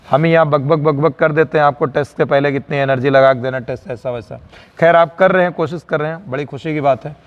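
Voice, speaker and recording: A man's voice: fairly high pitch, fairly even intonation, muffled recording. Man teaching physics, dictating in a reverberant room. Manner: dictates slowly word by word, motivational asides. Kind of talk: online lecture.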